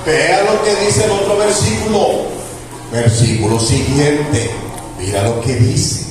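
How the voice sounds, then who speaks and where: A man's voice: on the high side, takes it slowly. A man preaching a sermon. He is emphatic, repeats key phrases and stretches words for emphasis. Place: church hall. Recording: echoey church hall, distant mic, background noise.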